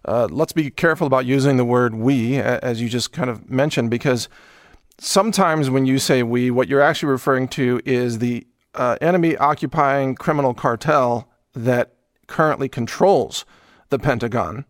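A man hosting an interview show, explaining and framing questions in a deliberate, alarmist manner. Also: medium pitch, no room sound, studio quality. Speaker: talk show host.

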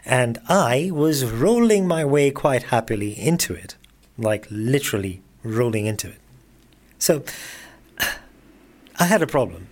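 A man's voice: medium pitch, big pitch swings, measured pace, pauses often. A man in his forties hosting a podcast, telling his own story in a chatty, self-mocking monologue full of conversational asides. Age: 40s. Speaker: podcast host. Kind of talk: casual personal monologue.

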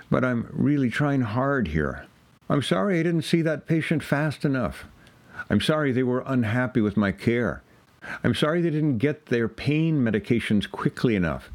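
A man giving a dramatic reading in the voice of a weary, burnt-out emergency doctor who apologizes over and over, in a heavy, repetitive litany. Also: fairly low pitch.

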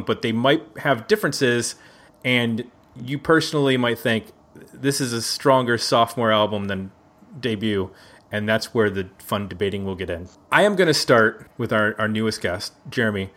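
An expressive male voice of medium pitch moves at a normal speed with a fairly bright tone. The speaker, from Buffalo in the US, hosts an easygoing round-table music podcast indoors at a neighbor's house, keeping it chatty and jokey while often correcting himself.

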